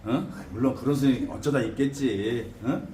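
A man teaching students as a shaman teacher, lecturing in an animated way with frequent tag questions and laughter. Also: mid-range voice, moderate pace. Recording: echoey room with faint background noise.

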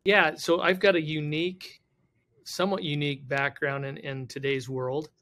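A man's voice: fairly high pitch, moderate pace. A man in his fifties, a company CEO telling stories as a podcast guest. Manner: animated storyteller, acts out quoted people. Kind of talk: casual interview storytelling.

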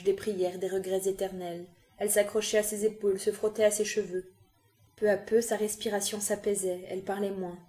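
A woman reading a novel aloud with calm, even narration. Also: mid-range voice. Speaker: reader.

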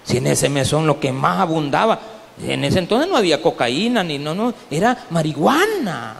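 A male pastor with a Salvadoran Spanish accent, preaching a story-filled sermon that swings from quiet asides to loud pleas. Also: on the high side, very animated, moderate pace, gravelly. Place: church hall. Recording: long reverb of a church hall.

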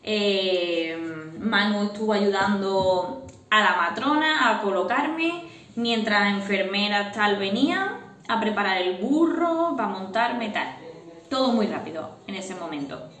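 A woman in her thirties telling a personal story to her viewers in a casual, animated way, laughing as she goes. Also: medium pitch, a little slow, recorded from a distance. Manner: animated, laughing while recounting. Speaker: vlogger. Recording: echoey room.

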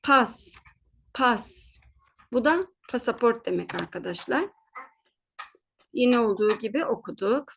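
Woman teacher, slightly high voice, patient and repetitive, corrects herself mid-lesson, close mic. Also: expressive, gravelly, a bit bright, a little hiss or hum. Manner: patient, checks in with "tamam mı" and repeats each word slowly; corrects her own slips on the spot. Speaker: German teacher. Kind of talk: spoken lesson.

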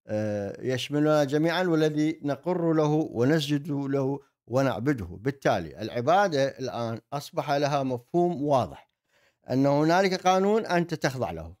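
A man. He delivers an explanatory monologue as a host. His phrasing is halting, with repeated words as he searches for the next thought. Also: mid-range voice, very animated, darkish tone. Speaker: host, commentator. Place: indoor desk setup with virtual backdrop. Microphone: desk microphone on an arm.

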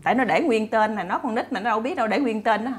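A woman's voice: fairly high pitch, quick pace, husky. A woman retelling a story to her viewers in a chatty, casual way, full of fillers and repeated words. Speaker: storyteller host.

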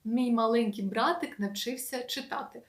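A woman teaching an English lesson in a casual, patient way, slowly repeating words with many fillers. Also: on the high side, roomy sound.

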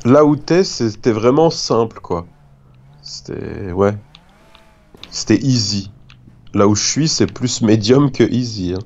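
A man's voice: lowish voice, expressive, takes it slowly, pauses often, a little mellow, dull audio. A man chatting casually and jokingly with a friend as he plays a video game. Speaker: gamer. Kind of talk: casual gameplay chat with a friend.

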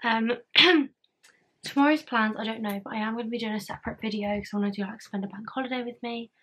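Her voice fairly high, bright and steady, a young woman speaks a little fast in a casual vlog, wandering through her living room and bedroom indoors. She rambles, chats and fills gaps with ums, with the camera at arm's length.

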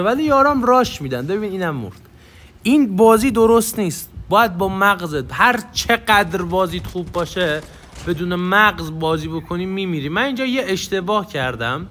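A young male gaming YouTuber talks through his match in casual commentary, coaching viewers as he goes. His voice sits high and moves all over the place with lively energy, and he keeps a loose, chatty manner throughout. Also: slight background noise.

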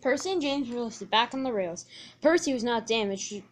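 A woman with a high voice tells a homemade story about engines. She makes it up as she goes and often stops to correct herself. Faint noise sits behind her. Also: animated, moderate pace. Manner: unscripted, stumbling restarts. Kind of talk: amateur fan story narration.

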